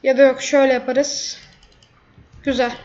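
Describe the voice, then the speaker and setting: High-pitched lady gamer chatting while she plays, snaps at other players, muffled cheap mic. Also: flat delivery, moderate pace, a little mellow. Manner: chatty, blurts out frustration at opponents. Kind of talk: live gameplay commentary. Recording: dull lo-fi mic.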